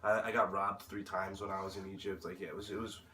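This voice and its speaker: A young man from the United States, his voice fairly low, answers interview questions informally, hesitating and searching for words. He talks fast in a level, bright, forceful tone. The recording sounds roomy and distant from the mic, with faint noise.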